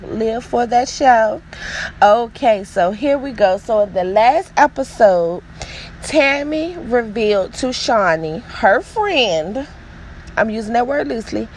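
A woman's voice: mid-range voice, darkish tone, a little hiss or hum, low-quality recording. A woman hosting a casual gossip show, chatty, sassy and emphatic. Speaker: host.

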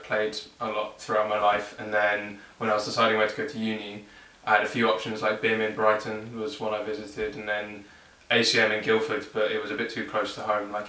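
A man's voice: fairly low pitch, completely flat delivery, a little fast, few pauses, bright, forceful tone. A young man with a southern English accent, chatting informally and a little hesitantly as an interview guest. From England, South London and Surrey. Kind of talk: casual chat interview. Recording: echoey room, distant mic.

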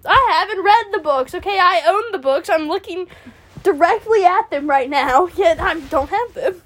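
A woman's voice: extremely high pitch, expressive, moderate pace. A teenage girl co-hosting a podcast, chatting casually in a giggly, rambling and self-mocking way. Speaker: podcast co-host. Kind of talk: casual chat.

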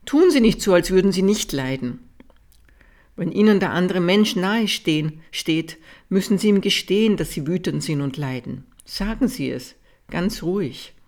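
A calm, steady reading voice delivers a Buddhist teaching text at a measured pace. It drops softer and slower on the important sentences and keeps an even, unhurried audiobook delivery. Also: mid-range voice. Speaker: reader.

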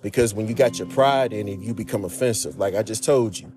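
A man's voice: lowish voice, a little fast, a little mellow, soft background music. A man talking earnestly and casually to his viewers, giving marriage and relationship advice and often calling them "man" and "y'all". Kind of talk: casual heartfelt advice talk.

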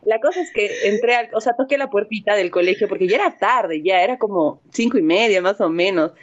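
A young woman, casually telling a story to friends and acting out the voices with big jumps in pitch. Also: a little fast. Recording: dull lo-fi recording.

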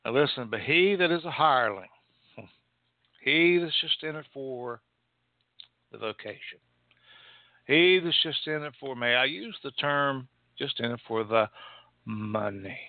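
A male pastor preaching a sermon, rising and falling sharply in pitch and loudness. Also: a little slow, pauses often, dry recording. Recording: tinny phone-like sound.

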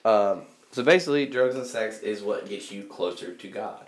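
A man's voice: on the low side, lively intonation, moderate pace. Casual young man hosting a podcast. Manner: reads notes with many fillers, laughs easily. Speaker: podcast co-host presenting the topic.

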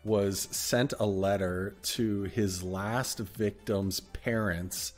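A man with a fairly low voice co-hosts a casual podcast. He talks loosely, dropping dry jokes and laughing often. Faint music sits under his voice. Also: steady tone, drawn-out words. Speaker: podcast co-host.

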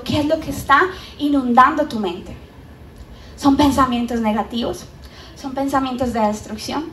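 A high-pitched woman with a Colombian accent delivers an animated sermon, acting out the voices of doubters as she goes. She is recorded from a distance in a roomy church hall. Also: a little hiss or hum. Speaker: preacher.

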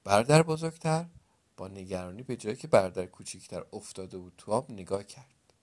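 A man's voice: fairly low pitch, expressive, a little mellow. A man narrating a folk tale who stops to explain words and quiz the listener, like a teacher reading aloud. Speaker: storyteller. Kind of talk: storytelling.

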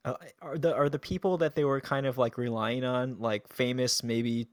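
Man, casual chat, hesitant questions, middle pitch, dry sound. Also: fairly even intonation, normal speed, no echo.

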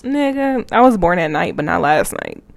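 A woman's voice: low-pitched, huge pitch swings, fairly quick, vocal fry, a little hiss or hum. A woman in her twenties telling a personal story to camera in a blunt, profane, laughing way. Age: 20s. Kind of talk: casual storytime vlog.

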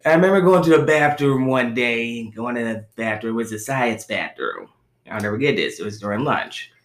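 A man co-hosting a casual podcast, telling stories with lively, acted-out quotes. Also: medium pitch, normal speed. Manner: animated storyteller acting out quoted voices. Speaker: podcast co-host. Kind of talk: casual storytelling chat. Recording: roomy echo.

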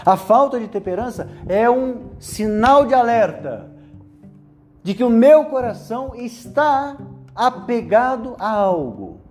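Brazilian priest type, high mellow voice, chatty homily for youth, soft music underneath. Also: male voice, very animated, slow pace. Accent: Brazilian Portuguese. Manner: conversational, frequent "né?" tags, playful asides. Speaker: priest giving a meditation. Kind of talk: spoken meditation for young men.

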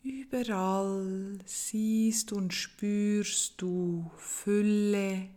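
A woman guiding a meditation in a soft, gentle, hushed and breathy voice, leaving long pauses between phrases. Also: medium pitch, steady tone. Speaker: meditation guide. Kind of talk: guided meditation narration.

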